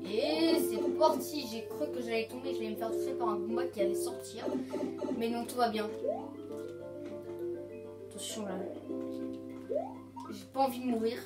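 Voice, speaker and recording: Jumpy woman gamer narrating her play in a roomy space, with loud game music running behind her. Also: fairly high pitch, normal speed, pauses often. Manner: excitable, yelps when startled, repeats phrases to calm herself. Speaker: video game commentator. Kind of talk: casual let's-play commentary.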